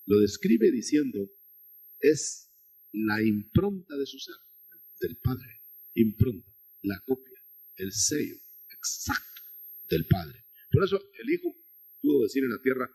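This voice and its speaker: A man delivers a teaching sermon, walking through scripture and calling his listeners brother. His voice is husky, and his pitch rises and falls with animation as he restarts and repeats phrases. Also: a little mellow. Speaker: preacher. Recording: 1990s.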